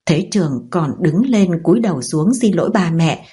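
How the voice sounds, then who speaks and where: A woman's voice: on the low side, expressive, moderate pace, warm tone, husky. A woman narrating a dramatic story in the first person and voicing the dialogue of each character.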